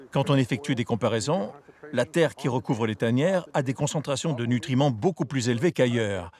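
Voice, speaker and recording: Guy researcher explaining stuff for a nature documentary, measured n articulate, mid pitched voice. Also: darkish tone. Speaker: wildlife researcher.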